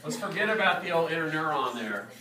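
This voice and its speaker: A man's voice: fairly high pitch, very animated, fast talker, distant mic, very noisy. A man giving a classroom lecture and taking student questions, casual and joking, often checking understanding with "okay?". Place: lecture hall. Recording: echoey room recorded from afar.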